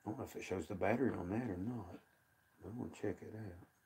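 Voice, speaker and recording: Low-pitched Appalachian man, folksy and casual. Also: fast, warm tone, husky. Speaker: livestream host. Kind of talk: casual rambling commentary over field footage.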